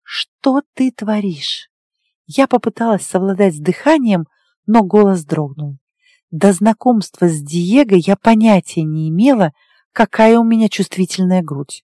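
A woman narrates a first-person romance audiobook in a steady, measured voice. Her pitch sits in the middle range. The sound is dry and close. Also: no room sound.

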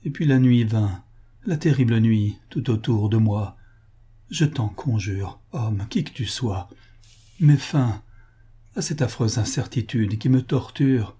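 A man's voice: mid-range voice, slow, mellow, husky. A man voicing a distraught young woman held captive, pleading in a plaintive, tearful voice.

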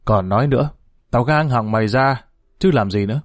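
A menacing, bitter ex-convict, played by a male narrator, growling threats in a low, hard voice. His delivery is steady and close to the narrator's own pitch. The sound is dry and close. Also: a little fast, no echo, close to an everyday voice. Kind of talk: dramatized story reading.

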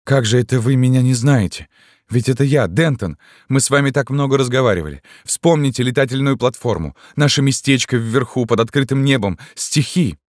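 A desperate young man in love , as a male reader plays him, pleading urgently and raised well above the reader's deep voice. The recording is dry and close. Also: animated, normal speed, no room sound.

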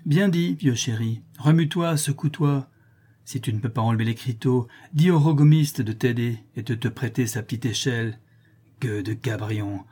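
A man voicing a coarse, sharp-tongued old woman concierge in a read-aloud novel. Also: mid-range voice, breathy edge, close to an everyday voice. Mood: scolding. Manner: scolding, quick insults.

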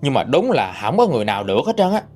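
A man tells a ghost story as if chatting to a friend. His pitch rides up and down with plenty of life, and soft music plays faintly underneath. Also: rapid-fire. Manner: conversational, animated retelling. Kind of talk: storytelling narration.

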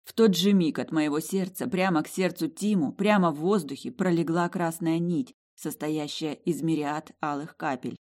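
A woman's voice: sits low, moderate pace, few pauses. Emotive woman reading a fantasy audiobook. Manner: emotive, expressive. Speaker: audiobook narrator. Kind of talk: first-person fantasy audiobook narration.

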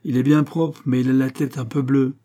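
A man reading the lines of a blunt middle-aged male police inspector, brisk and reasoning aloud, in an audiobook. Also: medium pitch, warm tone, slightly rough, pitched above the performer's own voice, natural voice. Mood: urgent.

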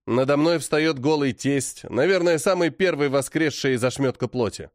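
A man narrating a first-person fantasy audiobook in a dramatic, expressive way. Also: on the high side, moderate pace, no echo, studio quality.

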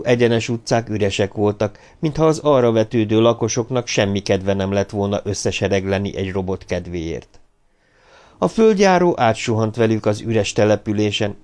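A man with a fairly low voice narrates an audiobook from a script, telling the story in a measured, even way.

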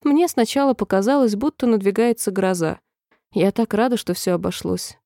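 A woman's voice: mid-range voice, moderate pace, no echo, studio quality, lightly acted. A woman reading a storybook, voicing a polite, curious seven-year-old girl. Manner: polite, gently puzzled questions.

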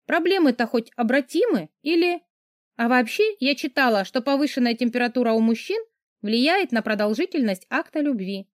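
A woman reading an audiobook, voicing a sharp-tongued young woman who speaks in a quick, teasing, mock-sympathetic way. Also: fairly high pitch, expressive, no echo, studio quality, pitched above the performer's own voice, lightly acted. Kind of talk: audiobook character voice.

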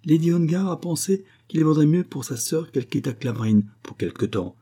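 A man's voice: fairly high pitch, expressive, fairly quick, dark tone, husky, pitched above the performer's own voice. A man reading the part of a bold young man, speaking up earnestly and indignantly.

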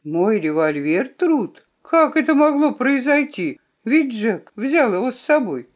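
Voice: mid-range voice, very animated, measured pace, darkish tone, dull audio. A reader voicing a young man, an anxious and defensive brother, in an audiobook, with agitated, pleading questions. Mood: puzzled. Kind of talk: audiobook reading.

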